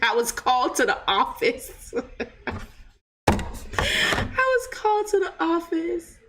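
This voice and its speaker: An extremely high-pitched, fairly bright, sing-song voice belongs to a Jamaican woman hosting her channel, speaking at a slow pace. Lightly accented, she tells viewers her own story in a talkative, wandering style, again and again asking "right?".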